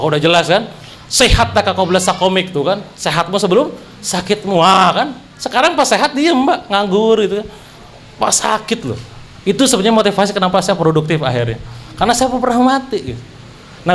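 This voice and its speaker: Brief: young man, high voice, animated storytelling speaker at a religious talk, joking straight at the audience. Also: a little hiss or hum. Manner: animated, jokey, addresses audience directly.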